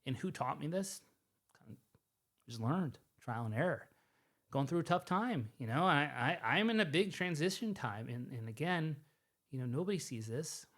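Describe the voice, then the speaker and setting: A man's voice: fairly high pitch, animated, normal speed, fairly bright tone. A middle-aged man who runs a business, talking in a rambling, emphatic late-night monologue, repeating himself and restarting phrases. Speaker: business owner.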